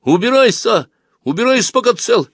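A man's voice: very high voice, big pitch swings, moderate pace, vocal fry, husky, no echo, clean studio sound, pitched above the performer's own voice, heavily acted. A man reading a story aloud, voicing a hot-tempered teenage actor who raps out his words. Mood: shouting. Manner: clipped, rapping out words. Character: hot-tempered teen actor, proud and furious.

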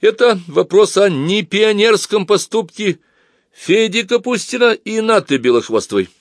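A man voicing a confident boy pioneer chairman who announces loudly in a storybook reading. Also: high-pitched, animated, normal speed, dry recording, studio quality, voice pushed up. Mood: pompous. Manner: loud and confident, speech-like. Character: boy pioneer chairman, self-important and loud.

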